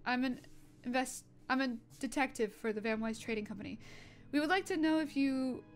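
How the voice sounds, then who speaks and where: A woman voicing a blunt male detective in a narrated role-play story, speaking slowly in a sharp, flat tone. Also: sits high, close to an everyday voice. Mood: stern. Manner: slow, flat and sharp-toned.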